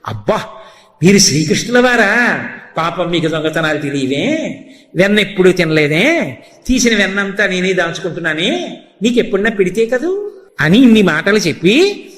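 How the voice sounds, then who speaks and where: A male preacher giving a devotional sermon, telling the story with animated character voices and slowly chanted verses. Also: sits high. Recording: long hall reverb.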